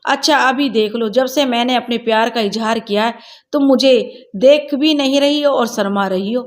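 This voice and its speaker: A woman voicing an earnest young man who speaks softly and pleadingly to the girl he loves, in a storybook reading. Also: very high voice. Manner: soft, pleading and affectionate.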